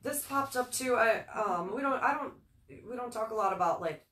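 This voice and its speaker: A woman's voice: on the high side, animated, moderate pace, bright, forceful tone. A woman from Northern Virginia co-hosting a casual live stream, reading listings in an easygoing way with small chuckles. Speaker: co-host. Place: local speed shop, indoors. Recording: echoey room, far from mic.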